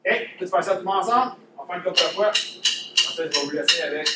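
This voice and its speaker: Quebec French drum instructor in echoey room. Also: male voice, high-pitched, fast. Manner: casual, demonstrative, repeats key points. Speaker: drumline instructor. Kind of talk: teaching a workshop. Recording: echoey room, mic far off, noisy.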